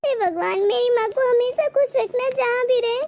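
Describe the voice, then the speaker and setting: A woman's voice: very high-pitched, moderate pace, noisy background. A woman voicing a grieving married daughter in a cartoon story, speaking in a wistful, sorrowful way. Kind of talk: Hindi cartoon moral-story voice acting.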